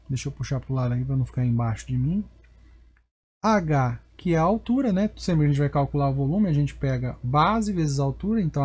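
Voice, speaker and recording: A man's voice: a little high, darkish tone. A male math teacher with a Brazilian Portuguese accent, giving a recorded lecture and checking in with viewers as he explains each step.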